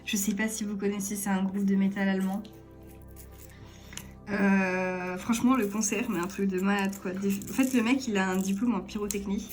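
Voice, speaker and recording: A woman's voice: medium pitch, fairly even intonation, moderate pace. Giggly chatty woman vlogging at home. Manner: chatty, giggly, self-deprecating. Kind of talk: casual chat to camera. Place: at home, at a table. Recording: faint music underneath. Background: soft background music.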